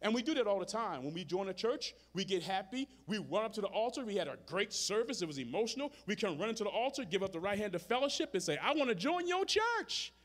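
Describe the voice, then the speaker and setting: Lively high-voiced male pastor preaching. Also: quick pace, hardly any pauses. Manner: conversational preaching, calls out to the congregation; rhythmic repetition of phrases. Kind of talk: sermon. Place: church sanctuary, live service.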